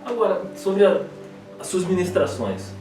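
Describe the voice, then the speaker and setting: A man hosting a casual interview, chatty and laughing, with quick reactions. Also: sits high, sing-song. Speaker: host. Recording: echoey room from far off, faint music.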